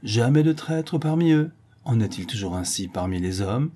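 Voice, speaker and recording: A man voicing a gracious, gently persuasive young woman, softly coaxing, in an audiobook reading. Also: mid-range voice, lively intonation, moderate pace, slightly rough.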